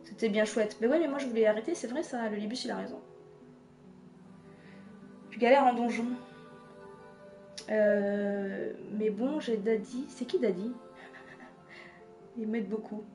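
Woman streamer, slightly high voice, loose chatty delivery, faint game music behind. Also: measured pace, long pauses, warm tone. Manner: chatty, chuckling, reads chat aloud. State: tired, late at night. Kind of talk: casual live-stream chat.

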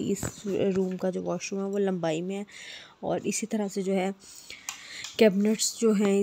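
A woman's voice: medium pitch, creaky, a little hiss or hum. A woman from Pakistan giving a casual home tour while filming on her phone, chatting with frequent fillers and restarts. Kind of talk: casual walkthrough narration. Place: apartment rooms indoors. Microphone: phone camera held while walking.

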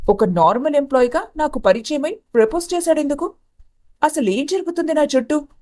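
A woman voicing a scheming young elder sister in an animated story, who talks in a tense, accusing way. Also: sits high, fairly quick, lightly acted.

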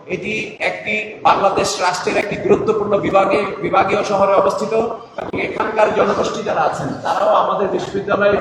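Brief: male official at a press conference, formal and hesitant, voice booming with long reverb in a large hall, heard from far off. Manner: formal, halting with filler sounds. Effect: heavy hall echo. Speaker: election commission official. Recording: booming echoey hall, distant mic, loud noise.

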